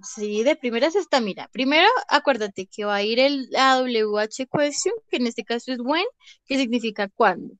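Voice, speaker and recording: A woman teacher leads an online class over a video call with a fairly high voice. Her sound is dry and close, with no room around it. She explains patiently and keeps checking that the class follows. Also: normal speed, a bit bright, dry recording. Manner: patient, checks understanding with frequent questions. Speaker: English teacher.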